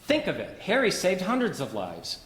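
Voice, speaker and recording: Guy acting a harried banker dad in a stage radio play, urgent, sharp bright voice, big echoey noisy hall. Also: sits high, huge pitch swings, normal speed, heavily acted. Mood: proud, excited. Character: harried small-town banker and father, quick to anguish. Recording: echoey hall with background noise.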